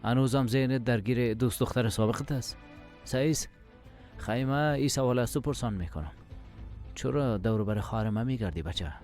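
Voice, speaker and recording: A man's voice: medium pitch, a little mellow, faint music behind, natural voice. Man dubbing hot-tempered young Kamal. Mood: irritated. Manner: confrontational, repeats demands to speak plainly.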